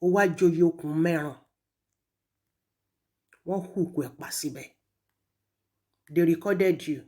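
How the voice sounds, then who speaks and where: She has a lowish, darkish voice and talks a little slowly, her Nigerian accent clear as she goes on the attack. In a monologue switching between two languages, she mocks and reprimands someone not present, hitting her words with heavy emphasis.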